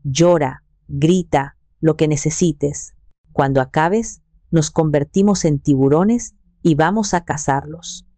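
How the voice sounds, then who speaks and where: A woman voicing a sharp, direct female lawyer in a storybook narration, brisk and commanding. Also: sits low, dry recording. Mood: brisk, firm.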